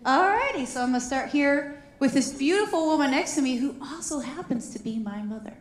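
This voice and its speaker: A woman's voice: sits high, expressive, fairly quick, slight background noise. Emotional woman hosting a church panel. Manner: warm emotional, chokes up with laughter. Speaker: panel host. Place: church sanctuary. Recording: echoey church hall.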